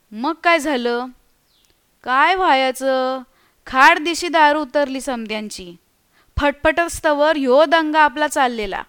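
A woman voicing a frightened village man who tells a ghost tale in hushed, stammering, earthy speech, as part of a storybook reading. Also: high voice.

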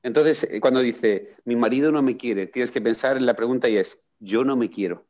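A man in casual conversation, recounting a book and acting out its questions with lively energy. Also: mid-range voice, normal speed. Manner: animated storyteller, acts out quoted questions. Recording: dull lo-fi sound.

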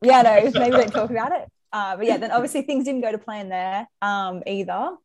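A woman's voice: a little high, fairly quick, over a noisy crowd. Casual young Queensland Australian woman. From Brisbane, Australia. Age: 20s. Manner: informal, chatty. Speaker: professional soccer player, interview guest. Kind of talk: casual chat.

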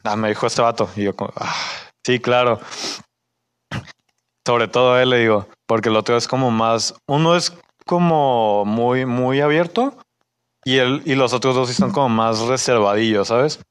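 A young man with a Mexican accent, chatting on a podcast and telling a story from his job. He slips into raised, lively voices when he quotes coworkers. The sound is dry and close, with no room echo. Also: mid-range voice, normal speed, clean tone. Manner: animated, acts out coworkers' lines in raised voices; uses Mexican slang. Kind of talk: casual storytelling chat.

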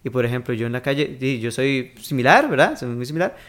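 A man with a Costa Rican accent, a podcast guest talking in a relaxed, reflective way with local slang. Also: medium pitch, fast talker. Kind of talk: casual chat.

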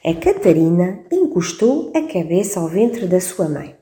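A woman storyteller reading a children's story aloud on the radio in a lively, expressive way. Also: on the low side, measured pace. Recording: roomy echo.

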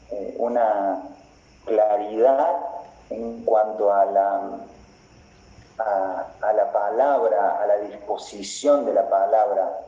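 A man preaching a sermon as pastor, slow and deliberate, repeating phrases for emphasis. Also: lowish voice, warm tone. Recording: roomy, slightly dull recording.

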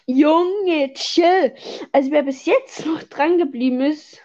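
Young woman host, high voice, teasing, slangy, kinda muffled mic. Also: slow pace, a little mellow. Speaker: podcast host. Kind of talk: casual chat while gaming.

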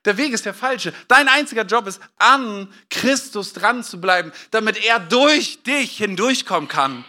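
A man preaching a sermon as pastor, animated and dramatic, acting out quotes with sudden loud outbursts. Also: sits high, unhurried.

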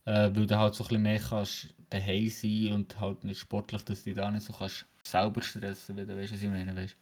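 A seventeen-year-old male with a Swiss German accent hosting a casual podcast, speaking haltingly with braces that slightly hamper his articulation. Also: fairly low pitch, completely flat delivery, a little mellow. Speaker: podcast host.

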